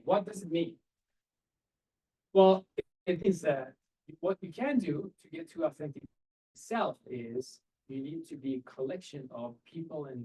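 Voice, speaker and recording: Over a video call, an Iranian man speaks through his webcam to students in a seminar, offering earnest and direct career advice with rhetorical questions and non-native phrasing. His voice is fairly high yet dark in tone and slightly rough, and the recording itself is rough.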